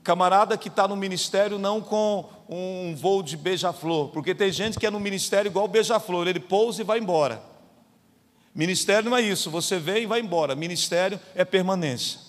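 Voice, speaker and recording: Brief: high-voiced male pastor, Goiás Brazilian accent, emphatic storytelling sermon, long hall reverb. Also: a little fast. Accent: Brazilian Portuguese, Goiás. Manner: emphatic, storytelling preacher, rising to fervent peaks. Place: church sanctuary.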